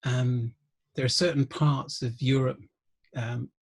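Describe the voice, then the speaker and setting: A middle-aged man, a guest musician and researcher, telling wry anecdotes in an interview, often pausing with ums. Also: mid-range voice, steady tone, creaky, slightly rough. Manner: anecdotal, wry, laughs through stories, frequent ums. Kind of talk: conversational interview storytelling.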